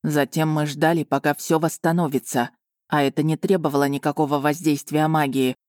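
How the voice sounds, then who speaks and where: A woman voicing an overjoyed, overwrought male dragon in an audiobook, speaking a little lower and with earnest warmth. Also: level tone, brisk, no echo, studio quality, close to an everyday voice. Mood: calm, pleased.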